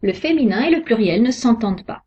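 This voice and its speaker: A woman giving a scripted pronunciation lesson, sounding out each example word slowly and carefully. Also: fairly high pitch, lively intonation, dark tone, slightly rough. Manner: slow, careful, deliberate articulation of example words. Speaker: French pronunciation teacher. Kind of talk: slow scripted lesson narration. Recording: dull lo-fi recording.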